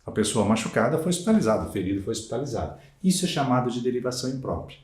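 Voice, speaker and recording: A male teacher from Brazil gives an exam-prep lecture, stressing points with emphatic questions and tags. His mellow voice swings widely in pitch. The sound carries the echo of a classroom. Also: racing. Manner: lively, emphatic teaching with frequent rhetorical tags. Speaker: Portuguese language teacher. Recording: echoey room.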